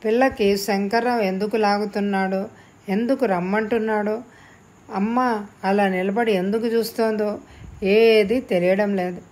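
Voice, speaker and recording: A woman narrating a novel with steady storytelling. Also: medium pitch, normal speed. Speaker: audiobook narrator.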